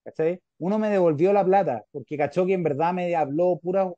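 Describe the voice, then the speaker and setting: A Chilean-accented man hosting a podcast, his voice dark and mellow on dull, muffled audio. He rambles through his points and keeps checking that the listener follows. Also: high voice, brisk, no echo. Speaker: podcast host. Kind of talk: casual interview chat.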